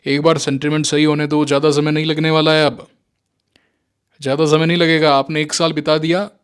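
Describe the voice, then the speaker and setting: A man teaching stock trading in casual, animated commentary, sarcastic and mocking, with Indian-accented English mixed into his talk. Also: fairly high pitch, fairly quick, clear, resonant tone. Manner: sarcastic, mocks listeners in mimicking voices. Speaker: stock market trading educator.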